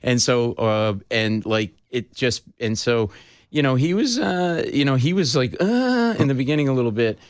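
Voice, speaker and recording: A man guesting on a radio talk show, telling comedy-writing stories in an animated way and acting out the people he quotes. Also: medium pitch, moderate pace, clear, resonant tone, no echo, clean studio sound. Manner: animated storyteller, acts out quotes. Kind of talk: casual radio interview chat.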